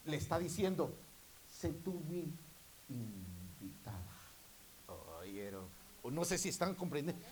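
A man preaching a sermon to his congregation, repeatedly calling out to them and rising into loud, emphatic bursts. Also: fairly high pitch, rough recording.

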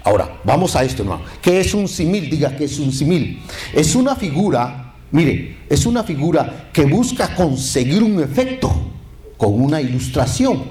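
A man's voice: a little high, moderate pace. A man preaches a sermon, pressing the congregation for amens. His voice rises and falls widely. It rings out in an echoey church. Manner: lively, calls to the congregation for amens.

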